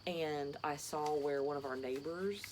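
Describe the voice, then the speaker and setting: A woman's voice: low voice, unhurried, a little mellow, a little hiss or hum. A tired woman in her thirties, a teacher co-hosting a casual chat show, rambling chattily through her stories. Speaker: teacher and podcast co-host.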